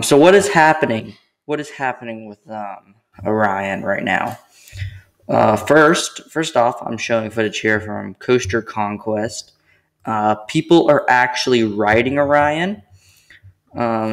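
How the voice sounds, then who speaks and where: A young man narrating his theme park vlog as a voice-over, eager and rambling, often restarting his sentences. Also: mid-range voice.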